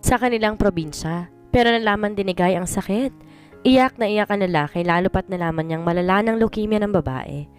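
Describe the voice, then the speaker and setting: Woman reading a story, smooth voice, soft music under it. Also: mid-range voice, fairly quick. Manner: reads every part in one plain voice, mixing Tagalog and English. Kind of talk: scripted first-person story narration. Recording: voice over soft background music.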